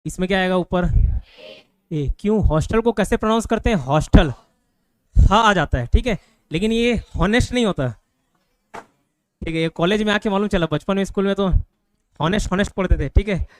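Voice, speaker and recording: A man from India teaching a grammar class to students in a classroom, constantly checking that they follow with quick questions. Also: high-pitched, clean tone.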